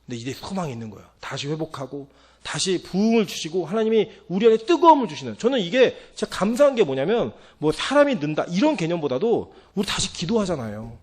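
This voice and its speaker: A man preaching a sermon with a high, lively voice that swings widely in pitch. He talks fast and animatedly, acting out the voices he quotes as he speaks. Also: breathy edge. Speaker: pastor.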